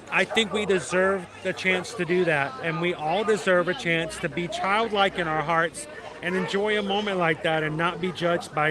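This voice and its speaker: A man with a fairly high voice hosts a casual livestream. He chats reflectively to viewers as if they were friends. He is outdoors, with clear crowd and vehicle noise behind him. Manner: chatty, reflective, addresses viewers by name. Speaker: livestream host. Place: outdoors at a theme park.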